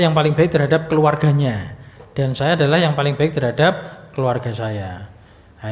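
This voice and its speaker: A man teaching Arabic grammar in a religious study lesson, explaining patiently with many fillers and light humor. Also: a little high. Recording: muffled recording with long hall reverb.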